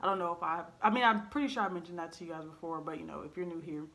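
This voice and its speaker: A blunt, earnest woman in her twenties talks to a desk-height camera from her living room, telling a personal story candidly and peppering it with ums and likes. Her voice sits low and steady, with a sharp tone, and she speaks very fast.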